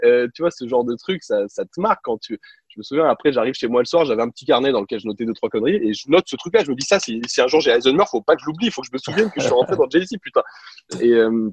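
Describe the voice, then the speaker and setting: A French man telling lively anecdotes in a casual interview, with lots of fillers and restarts. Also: mid-range voice, quick pace, husky, no echo, highs cut off. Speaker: guest, former basketball reporter.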